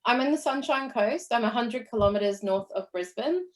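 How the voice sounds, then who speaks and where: A woman in her forties with a New Zealand accent chats easily as a guest in a casual interview, sharing stories from her career as an entrepreneur. Her voice is a little high and animated, at a moderate pace.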